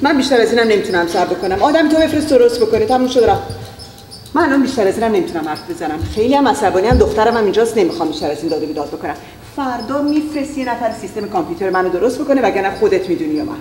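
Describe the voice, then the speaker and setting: A woman playing a short-tempered mother in an acted parenting skit, shouting harsh commands at her daughter. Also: mid-range voice, expressive, hardly any pauses, distant mic. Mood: angry. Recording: roomy echo, long reverb, faint noise.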